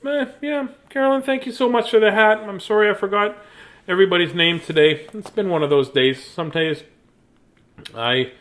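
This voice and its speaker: Hosting a live bedtime story session, a man chats casually with viewers, rambling and poking fun at himself. He speaks at a moderate pace in a high-pitched, fairly bright voice.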